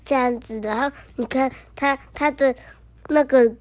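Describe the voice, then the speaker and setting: A listener chatting with the reader about the pictures in the book. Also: female voice, sits high, steady tone, measured pace, a little mellow, a little hiss or hum. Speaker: child listener.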